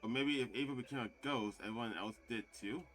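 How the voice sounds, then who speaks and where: A man's voice: mid-range voice, fast, fairly bright tone, faint music behind. A young man casually commenting on a game he plays, swearing now and then and reading its text aloud. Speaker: gaming video host. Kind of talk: let's play commentary.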